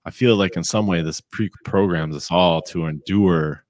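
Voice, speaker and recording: Very deep-voiced man, low-key co-host. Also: moderate pace, darkish tone, no room sound, studio quality. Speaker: podcast co-host. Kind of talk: casual chat.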